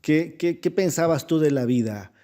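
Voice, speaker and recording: Mellow-voiced male interviewer. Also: fairly high pitch, normal speed. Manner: gives frequent short listening replies. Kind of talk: casual interview questions.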